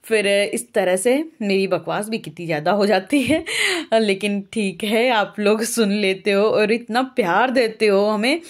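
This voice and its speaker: A woman's voice: mid-range voice, measured pace, hardly any pauses. A young woman from Uttar Pradesh talking through her day in a casual, rambling home vlog, with many filler sounds. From Uttar Pradesh, India. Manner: rambling, homely and talkative, with frequent "अ" fillers. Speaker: vlogger. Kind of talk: casual chatty vlog narration.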